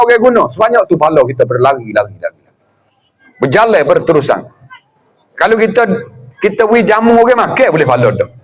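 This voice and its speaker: A middle-aged man with a Patani Malay accent giving a lively religious lecture, acting out greetings and chuckling often. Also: extremely high pitch. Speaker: religious teacher.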